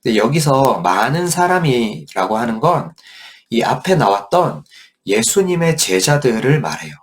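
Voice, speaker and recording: A middle-aged male pastor telling a Bible story to children, with an animated storytelling style and frequent questions to them. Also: mid-range voice, a little slow. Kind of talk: children's Sunday school Bible lesson.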